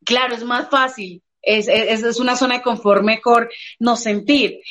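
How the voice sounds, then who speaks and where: Lady coach chatting in an interview, high voice, really expressive. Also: a little slow. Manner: expressive storyteller, acts out quoted voices. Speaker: emotional coach. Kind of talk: casual interview talk.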